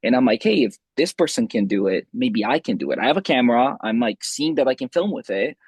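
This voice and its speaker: A man in his twenties tells his story as a podcast guest, his voice a little husky. He talks loosely and rambles, restarting sentences and filling pauses. The sound is dry and close. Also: mid-range voice, lively intonation, no room sound. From Romania. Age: 20s. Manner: rambling, many restarts and fillers. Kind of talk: casual interview chat.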